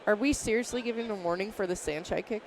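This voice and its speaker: A woman's voice: mid-range voice, fast talker, background noise. A woman giving conversational colour commentary and analysis on a live fight. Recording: loud crowd behind.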